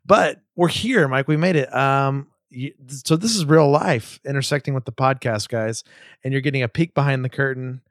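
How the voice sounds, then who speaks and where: A man's voice: mid-range voice, normal speed, no echo, clean studio sound. A man co-hosting a casual podcast, chatting in an easygoing, joking way. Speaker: podcast co-host.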